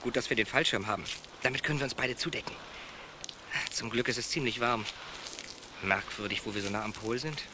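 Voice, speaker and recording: An actor playing a plucky young reporter-adventurer who talks briskly and exclaims to himself, in a radio play. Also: male voice, medium pitch, natural voice. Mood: musing. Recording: loud background noise.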